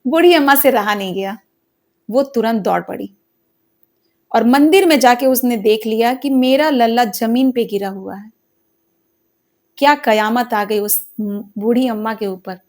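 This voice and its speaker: A woman's voice: fairly high pitch, a little slow, pauses often, darkish tone. A woman narrating a devotional folk story in an earnest, dramatic way.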